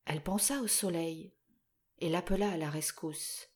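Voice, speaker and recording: A woman reading a storybook aloud in a gentle, careful way. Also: fairly low pitch, normal speed. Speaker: narrator.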